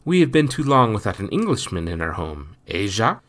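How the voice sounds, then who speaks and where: A man's voice: on the low side, big pitch swings, a little fast, fairly bright tone, pitched above the performer's own voice. A man voicing a cheerful, affectionate French mother with a playful manner.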